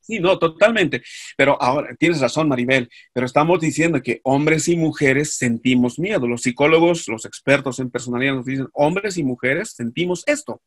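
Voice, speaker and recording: A man's voice: medium pitch, moderate pace. Man lecturing an online class. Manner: explanatory, asks the class questions. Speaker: teacher.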